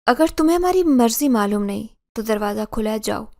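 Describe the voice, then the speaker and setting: A stern, cold-hearted uncle barks curt orders in a heavy voice, put on by a woman narrator. The tone is mellow and warm but raised and forceful, in a storybook horror tale. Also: very high voice, no echo, clean studio sound. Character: harsh domineering middle-aged uncle.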